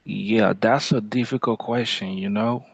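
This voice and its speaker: A man's voice: fairly low pitch, fairly even intonation, unhurried, vocal fry, husky, dry recording, lo-fi sound. A Haitian man with a Haitian accent, answering hesitantly and apologetically in a video-call debate. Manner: hesitant, apologetic, repeats himself. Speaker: debate participant.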